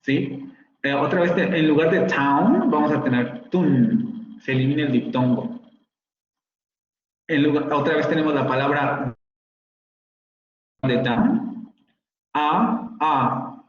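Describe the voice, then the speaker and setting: A man's voice: a little high, slow, pauses often. A man teaching a phonetics class online, explaining patiently and sounding out examples. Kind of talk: online lecture. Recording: roomy, slightly dull video-call audio.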